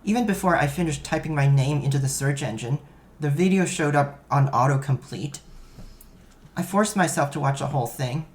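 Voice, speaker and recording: A man's voice: on the high side, normal speed. A man reading a first-person story aloud, in a wry, self-mocking storytelling manner. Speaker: narrator.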